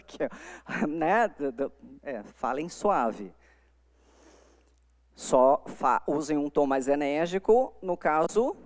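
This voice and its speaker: A woman's voice: fairly low pitch, darkish tone. Emphatic Brazilian woman lecturing in a hall. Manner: emphatic, demonstrative, shifts volume to make points. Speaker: lecturer at a lawyers' congress. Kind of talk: live lecture on communication. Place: conference hall before an audience. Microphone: handheld microphone. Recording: long hall reverb.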